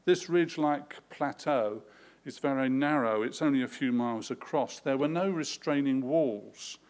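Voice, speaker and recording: Sex: man. Role: preacher. Style: sermon with lively storytelling. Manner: dramatic repetition, mid-pitched voice. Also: normal speed.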